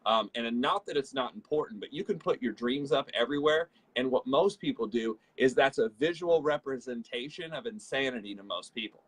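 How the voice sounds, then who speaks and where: Male motivational co-host, slightly husky, energetic, keeps mimicking the people he talks about. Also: mid-range voice, a little fast, few pauses, poor audio. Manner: energetic, repetitive, acts out quoted people. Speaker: show co-host, network marketing trainer. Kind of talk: motivational leadership talk.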